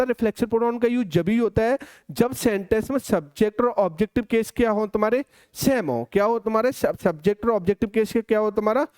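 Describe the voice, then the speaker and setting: A man with an Indian accent teaching an exam-prep grammar lesson, asking and answering his own questions and slowing down to dictate example sentences. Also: very high voice, a little mellow, smooth, no room sound, clean studio sound.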